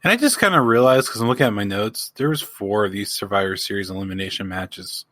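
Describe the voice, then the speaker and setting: A man on a casual podcast, ranting with exasperated energy and now and then swearing. His voice is bright and forceful, recorded close in a very dry room. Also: fairly low pitch, quick pace, no room sound. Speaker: podcast co-host.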